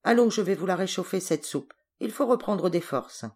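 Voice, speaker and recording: A woman's voice: on the low side, lively intonation, normal speed, darkish tone, husky, soft background music, pitched above the performer's own voice. Woman reading as a kindly housekeeper woman. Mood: bustling. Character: kindly grieving woman caring for hunters.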